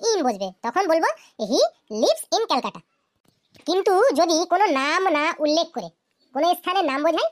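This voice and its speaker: A woman's voice: very high-pitched, fairly bright tone. A woman voicing a patient female cartoon teacher in a children's grammar lesson, who asks the class questions and then answers them herself.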